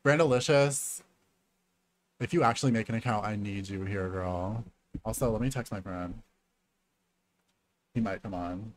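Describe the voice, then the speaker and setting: A man's voice: normal speed, pauses often. A man in his late thirties streaming a game, sassy and dramatic, calling everyone girl. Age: late 30s. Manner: swings between low mutters and high squeals. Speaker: gaming streamer. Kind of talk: casual game commentary.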